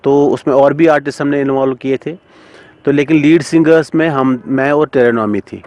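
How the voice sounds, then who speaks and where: A middle-aged man, a singer and composer being interviewed, speaking thoughtfully with many pauses and fillers. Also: medium pitch, steady tone, a little mellow, dull audio. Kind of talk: casual interview talk.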